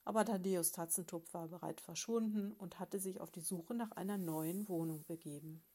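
A woman reading a children's story aloud in a calm, even storytelling manner. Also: lowish voice, moderate pace, slightly rough.

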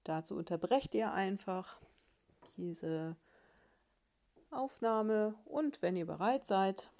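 Woman storyteller for children, calm and gentle, slow, mellow tone. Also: mid-range voice, gravelly. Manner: calm, gentle, soft-spoken. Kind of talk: children's story read-aloud.

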